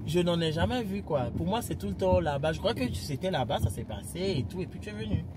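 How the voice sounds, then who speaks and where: A man's voice: high-pitched, lively intonation, quick pace, very noisy. A man hosting a casual interview in a car, playful and teasing. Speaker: host. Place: inside a car.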